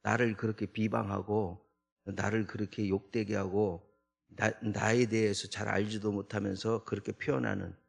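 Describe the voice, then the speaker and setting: A man's voice: lowish voice, level tone, moderate pace, vocal fry. A man, a junior pastor, giving an early morning prayer sermon in a church, talking conversationally and often tagging lines with a rhetorical "eh?". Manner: conversational, with frequent rhetorical "eh?" tags; acts out the psalmist's protests in a raised voice. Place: church sanctuary.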